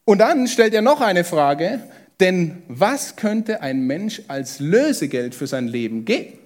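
A man with a German accent preaching a sermon, emphatic and lively, addressing the congregation with rhetorical questions. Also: high voice, slow. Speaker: pastor.

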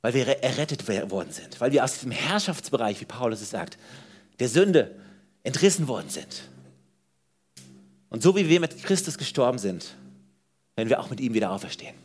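A pastor preaching a sermon in church, lively and emphatic. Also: male voice, mid-range voice, fairly quick, pauses often. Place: church service.

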